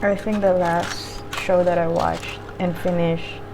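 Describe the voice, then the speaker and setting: A woman with a slightly low voice talks informally while eating, drifting from thought to thought in a casual mukbang style. She swears casually now and then, and there is clear noise behind her. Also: little pitch movement, a little slow. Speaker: vlogger eating on camera while reviewing a show. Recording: clearly audible background noise.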